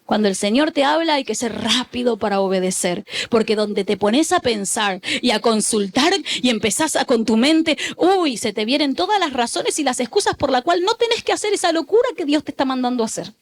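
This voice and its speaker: Middle-aged woman pastor, high voice, exhorting sermon with call-and-response repetition. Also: a little fast, few pauses. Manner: exhorting, repeats phrases for the congregation to echo; animated storytelling.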